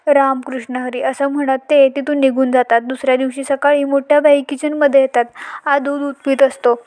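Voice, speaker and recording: A woman with a Marathi accent recapping a TV serial episode in steady storytelling narration. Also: sits high, fairly quick.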